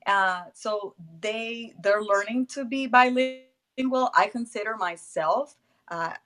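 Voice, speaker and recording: With a slightly high, somewhat bright voice, she takes things slowly as an interview guest in casual conversation. Her first language is Spanish and she has a Spanish accent, often laughing and restarting phrases as she looks for the right English words.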